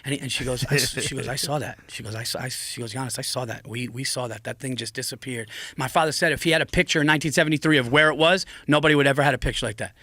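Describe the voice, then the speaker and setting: A man's voice: medium pitch, very fast, hardly any pauses, dry recording. A man on a podcast telling a long story in a casual, profane way, acting out other people's lines as he goes. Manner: profane, animated, acts out quotes. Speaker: podcast guest.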